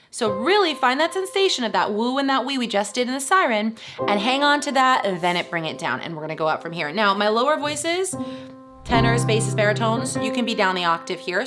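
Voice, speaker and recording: Upbeat woman voice coach talking thru exercises, kinda high bouncy voice, piano behind her. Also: animated, fairly quick. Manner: upbeat and encouraging, checks in with "right?". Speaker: voice teacher. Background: piano accompaniment.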